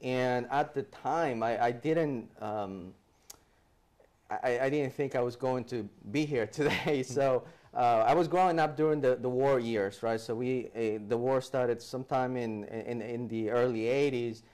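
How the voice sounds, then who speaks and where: Animated man telling his life story. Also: mid-range voice, a little slow. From El Salvador. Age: 40s. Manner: animated, gestures with hands, many restarts. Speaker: guest speaker. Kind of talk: storytelling interview. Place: TV studio set, seated in armchair. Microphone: lapel mic.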